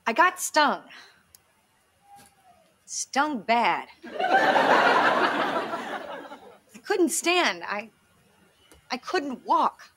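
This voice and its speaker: A shrill, high-strung young woman in a sitcom, with a very high voice that swoops widely while the words come slowly. Noisy TV audio with a laugh track sits behind her. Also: sing-song, heavily acted. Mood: confessing. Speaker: sitcom character. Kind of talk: sitcom acting.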